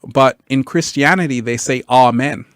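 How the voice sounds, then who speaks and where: A man's voice: mid-range voice, normal speed, fairly bright tone, smooth, no echo, clean studio sound. A man hosting a live stream, chatting with viewers and reading their comments in a laid-back way, laughing often and repeating his phrases. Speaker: livestream host.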